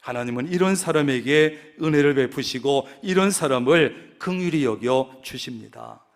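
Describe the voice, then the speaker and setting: A man's voice: medium pitch, moderate pace. A male pastor preaching a sermon, telling stories and acting out the voices he quotes.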